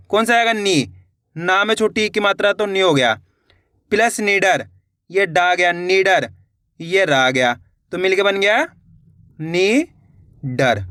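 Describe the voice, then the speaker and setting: High bright-voiced male teacher. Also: dry recording, studio quality. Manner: slow, repeats each word, asks and answers its own questions. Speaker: Hindi reading teacher. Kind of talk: step-by-step spelling lesson.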